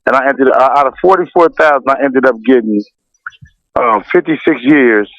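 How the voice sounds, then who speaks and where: A man from Los Angeles, a music producer as guest, speaking candidly and unhurried with restarts. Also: mid-range voice, no echo. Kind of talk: casual interview. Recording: dull lo-fi radio sound.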